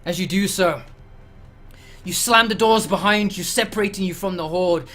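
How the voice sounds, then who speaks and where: A man's voice: sits high, moderate pace, bright, forceful tone, soft background music. A man narrating a tabletop game as game master, rambling through his descriptions.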